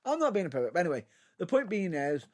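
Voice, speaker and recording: A man's voice: high voice, big pitch swings, quick pace, a little mellow. A man co-hosting a podcast, laughing often and steering the talk onward. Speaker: podcast co-host. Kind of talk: casual chat.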